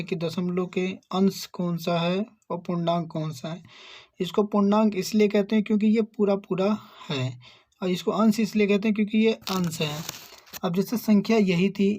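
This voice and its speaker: A man giving a maths lesson for exam preparation. He poses questions and answers them himself, and often checks in with a quick "okay". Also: high-pitched, a little mellow. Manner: asks and answers his own questions, checks in with "thik hai". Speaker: maths teacher.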